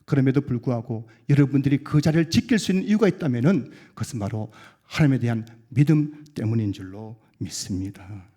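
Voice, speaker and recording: A man pastor preaching a sermon earnestly, swelling into loud emphatic peaks and dropping low and quiet to close his sentences. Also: expressive, a little fast, few pauses.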